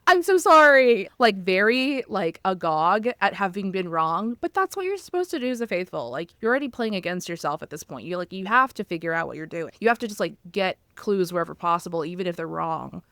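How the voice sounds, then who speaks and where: Smooth, lowish woman producer chatting. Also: lively intonation, a bit bright, no echo. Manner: chatty, quick to laugh, builds arguments fast. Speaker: podcast producer. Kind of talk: casual chat.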